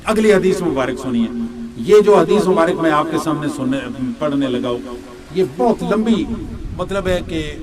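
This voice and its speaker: Male preacher, high-pitched, quizzes his audience, crowd audible. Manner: teaching, asks the listeners questions and answers them. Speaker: religious preacher. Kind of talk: sermon to a gathering.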